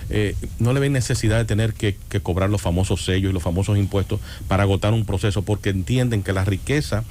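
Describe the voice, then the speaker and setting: A man's voice: lowish voice, fast, a little mellow, slight background noise. A man from the Republic, a radio interview guest who explains his points through examples. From Dominican Republic. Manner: explanatory, builds arguments with examples. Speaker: guest analyst.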